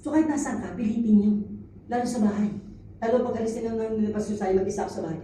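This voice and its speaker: Lively Filipino woman preaching in echoey hall. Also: on the high side, quick pace, recorded from a distance, a little hiss or hum. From Philippines. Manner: lively, laughs often, acts out quoted voices. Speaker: preacher, pastor's wife. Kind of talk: conversational sermon mixing English.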